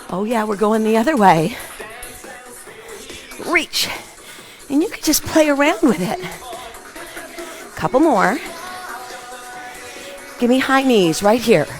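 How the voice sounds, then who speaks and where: A middle-aged woman aerobics instructor calling out short, punchy, encouraging workout cues as she exercises. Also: a little high. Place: open living room at home, indoors. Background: music.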